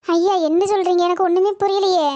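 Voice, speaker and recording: Very high-voiced woman in a cartoon. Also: level tone, brisk, warm tone, dull audio. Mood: distressed. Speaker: voices most cartoon characters. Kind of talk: cartoon voice acting.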